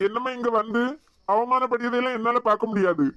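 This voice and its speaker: A woman with a Kanyakumari Tamil accent voicing a gruff, worried middle-aged man in a cartoon, speaking reproachfully. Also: on the high side, fairly even intonation, quick pace, fairly bright tone, no room sound, lo-fi sound, close to an everyday voice.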